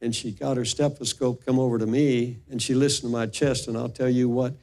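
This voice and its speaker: An older male pastor delivering a sermon testimony at a middle pitch. He tells his story with animation and slips into the voices of the people he quotes. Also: little pitch movement, fairly quick, warm tone.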